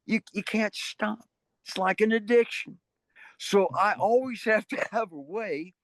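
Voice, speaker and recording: A man's voice: on the high side, dry recording. Older man, interview guest, rambling storyteller, dry close sound. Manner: rambling, restarts often, animated voices in anecdotes.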